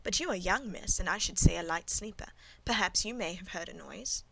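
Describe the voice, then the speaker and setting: A woman reading the part of a guarded, composed middle-aged servant woman, speaking calmly and demurely in a storybook. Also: medium pitch, a little fast, lightly acted, poor audio.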